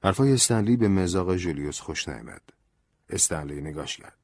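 A man narrating an audiobook in a calm, measured storytelling manner. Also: low-pitched, dry recording.

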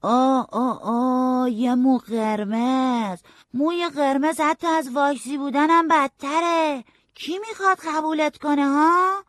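A woman's voice: high-pitched, steady tone, fairly bright tone, no room sound, clean studio sound. A woman voicing a defiant, mocking boy who shines shoes, in a storybook reading. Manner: cocky, mocking.

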